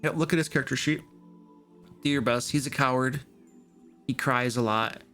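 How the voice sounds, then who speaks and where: A man's voice: medium pitch, moderate pace, bright, forceful tone, soft background music. A man running a tabletop game as game master, teasing his players and laughing often. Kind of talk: casual tabletop game chat.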